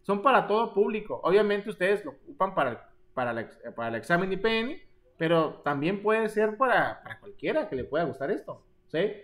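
Male teacher in his thirties, playful live-stream lesson delivery, slightly high voice. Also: big pitch swings, fairly quick, a bit bright. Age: 30s. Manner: joking, theatrical, addresses students as "jóvenes". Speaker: online biology teacher. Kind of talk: live-streamed exam prep class.

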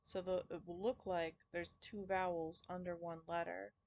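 A woman teaching Hebrew vowels in a recorded lesson, sounding out each vowel slowly and carefully. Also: on the low side, level tone, darkish tone, dry recording, dull audio.

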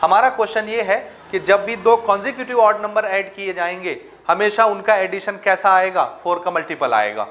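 A man teaching a maths lesson with a Chhattisgarh Hindi accent, often asking if students follow and dictating English terms slowly. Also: sits high, fairly bright tone. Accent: Hindi-speaking Chhattisgarh. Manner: checks understanding with frequent rhetorical questions. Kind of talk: classroom lecture.

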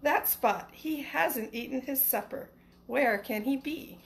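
Her voice is high-pitched, slow and creaky. She's a middle-aged elementary school teacher holding storytime from a small living room, mixing casual livestream chat with reading a picture book to children. A phone at arm's length captures it, with some background noise.

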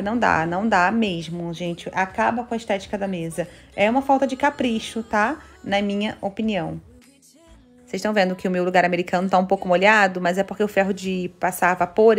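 Brazilian-accented woman, home decor vlogger, enthusiastic and gushing, casual chat. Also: medium pitch. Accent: Brazilian Portuguese. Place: home kitchen, indoors.

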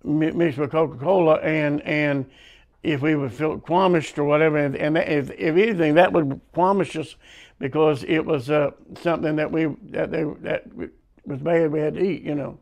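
A man's voice: a little high, steady tone, moderate pace, darkish tone. An older man with an Ocracoke brogue, reminiscing in an interview indoors. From Ocracoke Island, North Carolina. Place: small living room, indoors.

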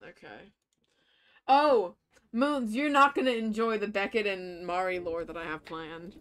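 A woman streamer chatting casually with a friend while they play a game, talking in quick excitable bursts and giggling often. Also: mid-range voice, clear, resonant tone. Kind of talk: casual chat while gaming.

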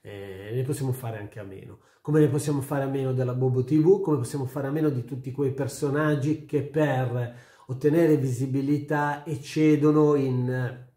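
A man's voice: mid-range voice, steady tone, moderate pace, mellow. A middle-aged man giving his opinion casually to camera, emphatic and repeating his phrases, recorded at home. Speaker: YouTube sports commentator. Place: small furnished room at home, indoors. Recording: roomy indoor echo.

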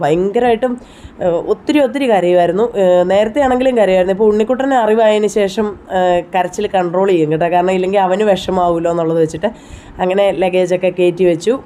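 A woman's voice: medium pitch, dark tone. A woman in her thirties with a Kerala Malayalam accent, narrating a personal family vlog in a chatty, heartfelt way. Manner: chatty, heartfelt, frequent tag "you know". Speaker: vlogger.

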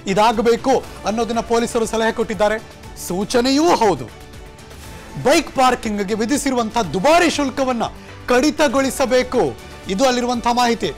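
High-pitched guy anchoring tv news in a studio, emphatic, lapel mic. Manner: emphatic, conversational, mixes English phrases.

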